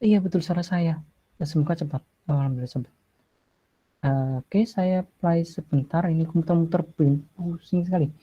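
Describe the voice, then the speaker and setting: A man's voice: on the high side, moderate pace, slightly rough. Chatty apologetic man, dull webinar audio. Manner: chatty, apologetic, thinks aloud while clicking. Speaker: teacher-training presenter. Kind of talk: online screen-share tutorial.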